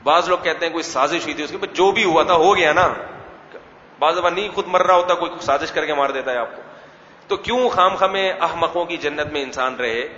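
A man's voice: fairly high pitch, sharp tone, a little hiss or hum. A man, an Islamic scholar, giving a weekly religious lecture in a conversational way, asking questions and answering them himself. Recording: echoey hall, slightly dull sound.

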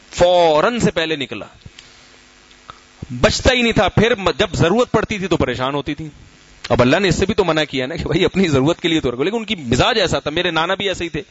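A man's voice: fairly high pitch, a bit bright, no echo. A middle-aged man giving a conversational religious talk as a scholar and teacher, explaining with homely examples and asking his listeners questions. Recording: slightly muffled, dry lo-fi recording.

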